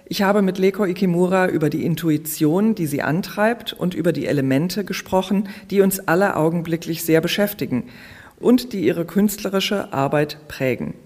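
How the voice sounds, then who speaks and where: A podcast host opens with a scripted introduction, then asks questions in an artist's studio. The voice sits at a middle pitch and stays calm and even, with a filler sound here and there. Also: normal speed.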